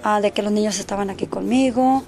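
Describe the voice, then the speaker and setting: Woman neighbor telling what happened, keeps quoting people, throws in english words, soft mellow tone. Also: mid-range voice, fairly even intonation, fast talker. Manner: rambling retelling, acting out quoted speech; mixes English words into Spanish. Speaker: neighbor giving a witness account; mother. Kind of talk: casual spoken account, interviewed.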